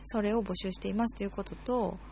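A woman's voice: mid-range voice, steady tone, fast, vocal fry, a little mellow, a little hiss or hum. A woman hosting a casual solo podcast, rambling with many fillers and self-corrections. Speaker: podcast host.

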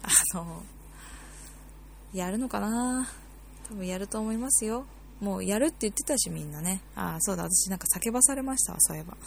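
A woman's voice: medium pitch, moderate pace, vocal fry, darkish tone, slight background noise. A woman hosting a casual solo podcast, rambling with many fillers and self-corrections. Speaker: podcast host.

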